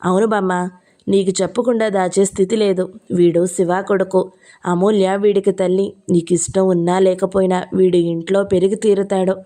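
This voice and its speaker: Audio-novel figure: commanding, protective young husband, voiced by the woman reader; firm and forceful, barely disguised. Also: medium pitch, little pitch movement, normal speed, natural voice.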